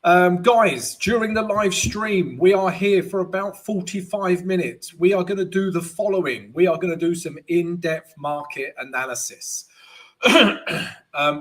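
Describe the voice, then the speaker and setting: A man with a croaky, slightly high voice hosts a live trading analysis stream. He's chatty, often calls his viewers "guys," and tags his lines with "right?".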